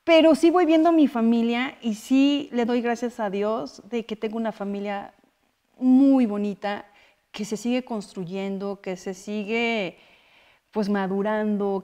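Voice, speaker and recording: A middle-aged woman with a Mexican accent chats as a guest in an interview. She tells stories loosely and leans on filler phrases. Her voice sits at an ordinary mid pitch. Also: fairly even intonation, measured pace, mellow. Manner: chatty storytelling, frequent filler phrases. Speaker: actress and guest. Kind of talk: casual interview chat.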